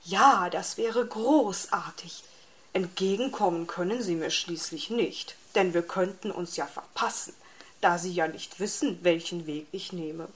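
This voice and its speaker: A woman's voice: fairly low pitch, a little slow, natural voice. A woman voicing a grumpy, lazy male fox in a storybook reading, irritable and grumbling.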